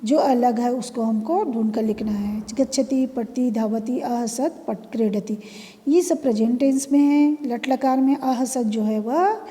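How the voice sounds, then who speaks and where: A woman's voice: on the high side, warm tone. Patient woman teacher in an echoing room. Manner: patient, explains step by step, repeats key words. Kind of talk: classroom lesson explaining exercise answers. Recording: long reverb, room echo.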